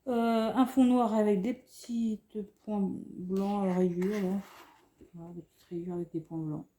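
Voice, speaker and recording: A woman's voice: mid-range voice, steady tone, unhurried. A French woman showing craft paper pads at home, chatting in a rambling, gushing way with many fillers and restarts. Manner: softly gushing over cute items. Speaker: craft vlogger showing a haul. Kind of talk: casual haul commentary. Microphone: camera on a tripod.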